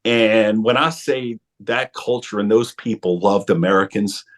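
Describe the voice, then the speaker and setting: A man in his forties, a former football player, telling his story as a podcast guest, animated, laughing often and restarting his sentences. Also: lowish voice. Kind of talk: storytelling interview talk.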